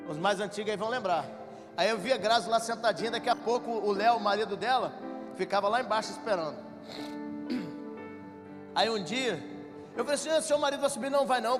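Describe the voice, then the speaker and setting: A Brazilian man, a pastor, telling jokey stories in a sermon that builds to shouted preaching in a church. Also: high-pitched. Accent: Brazilian Portuguese. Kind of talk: sermon with storytelling. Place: church hall. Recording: reverberant church hall with music.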